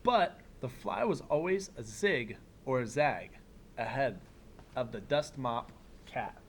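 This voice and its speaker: A man teaching young children, reading a picture book aloud expressively and pausing for simple explanatory asides. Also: mid-range voice, expressive, a little hiss or hum. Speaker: elementary school teacher.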